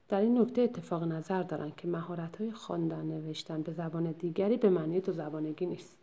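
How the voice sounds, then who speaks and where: A woman giving a lecture that summarizes a textbook chapter, explaining at a measured pace and often pausing to hesitate or correct herself. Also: lowish voice, creaky, dark tone.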